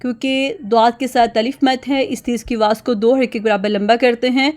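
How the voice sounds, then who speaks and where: A woman teaching Quran pronunciation, explaining rules quickly and then reciting example words slowly and loudly. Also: fairly high pitch, steady tone. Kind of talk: tajweed lesson.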